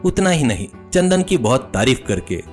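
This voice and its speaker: A man narrating a moral story in an animated storytelling manner. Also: mid-range voice, normal speed, soft background music.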